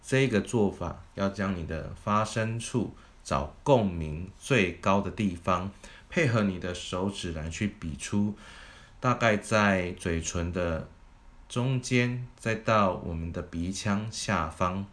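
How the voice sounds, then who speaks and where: A man's voice: low voice, slow, a bit bright. A man teaching a singing lesson, explaining vocal technique methodically, step by step. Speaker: vocal coach.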